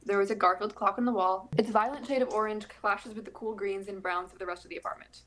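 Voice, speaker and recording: A woman reading the scene narration of an audio drama in a plain, even way. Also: mid-range voice, fast talker.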